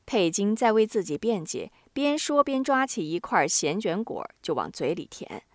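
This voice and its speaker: A woman narrating a novel aloud, expressive and acting out the dialogue, close to the mic. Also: mid-range voice, moderate pace, no room sound. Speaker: audiobook narrator. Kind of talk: novel reading.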